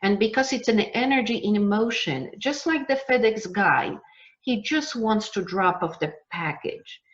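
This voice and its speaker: A woman business coach giving a live online masterclass, emphatic and motivational, slowing down to stress key words. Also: mid-range voice, muffled recording.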